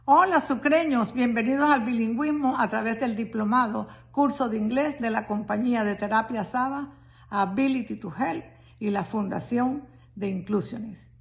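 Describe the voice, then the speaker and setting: A woman's voice: on the high side, normal speed, gravelly. A woman giving an upbeat promotional welcome to an English course. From Colombia. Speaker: course presenter. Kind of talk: welcome announcement.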